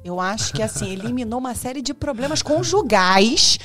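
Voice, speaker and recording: High-voiced Brazilian woman hosting a podcast. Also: expressive, normal speed, music in the background. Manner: playful, brief affirming replies. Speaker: podcast host. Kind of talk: podcast interview.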